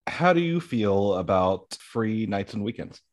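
A man's voice: on the low side, lively intonation, measured pace, no echo, studio quality. A man playing an earnest male debate candidate who talks hesitantly, with lots of fillers.

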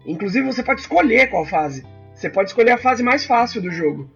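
A man, co-hosting a casual chat about video games, animated and full of restarts. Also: very high voice, fairly quick, vocal fry, slightly rough, faint music behind. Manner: animated, frequent fillers and restarts. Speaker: podcast co-host. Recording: slightly dull lo-fi sound.

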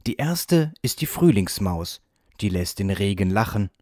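A calm, dreamy field mouse poet from a children's storybook, speaking gently and reciting verse as if from a small stage, as a man voices him. The voice sits low, and the recording is dry and close. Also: no room sound. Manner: gentle, unhurried, recites like a poem.

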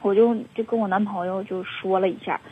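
Calling in by telephone, a twenty-something woman with a Northeastern Mandarin accent confesses her story in a rambling way, full of fillers. She has a mid-range, husky voice, steady in tone and a little fast, and the phone line is tinny and dry.

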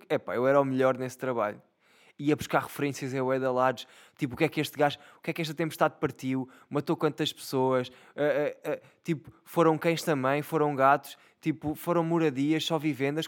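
A young man with a European Portuguese accent rambles through a story in a casual vlog. His voice sits a little high, and his delivery is animated and peppered with swearing. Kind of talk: casual rant to camera.

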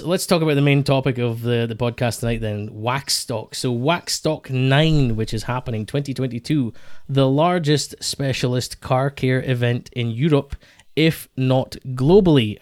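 A man hosting a podcast in casual talk, earnest and a little halting, often repeating his phrases. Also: mid-range voice, no room sound, clean studio sound. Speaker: podcast host.

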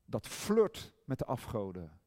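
A middle-aged male preacher giving a sermon, swinging from loud emphasis to hushed tenderness and drawing out key words slowly. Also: mid-range voice, wildly swooping pitch, no room sound, studio quality. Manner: slow, drawn-out stress on key words.

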